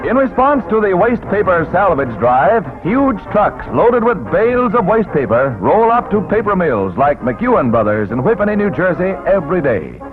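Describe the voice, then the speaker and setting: A man narrating a 1940s wartime newsreel in a brisk announcer delivery with punchy quips, heard as old newsreel sound. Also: high-pitched, very animated. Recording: tinny 1940s newsreel soundtrack with loud music.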